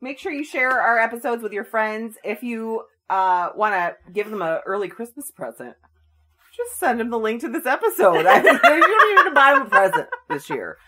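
A woman's voice: on the high side, lively intonation, normal speed, bright, forceful tone. A woman co-hosting a podcast in casual chat, chatty as she reads out plugs and links for listeners. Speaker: podcast co-host.

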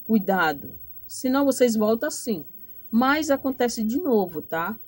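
A woman with a Brazilian accent doing a direct-to-camera tarot reading, affectionate and motherly, often tagging her phrases with a quick "tá?" and giving preachy advice with blessings. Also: fairly high pitch, animated. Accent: Brazilian Portuguese. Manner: affectionate, repetitive, ends phrases with "tá?". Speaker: tarot card reader.

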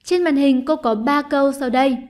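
Higher-voiced woman teaching an online class. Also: normal speed, a little mellow. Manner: patient, clear step-by-step explaining to students. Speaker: English teacher. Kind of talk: online lesson explanation.

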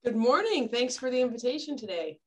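A woman's voice: fairly high pitch, sing-song, brisk. A woman extension educator giving a friendly, step-by-step talk on compost over a video call. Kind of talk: informal webinar presentation.

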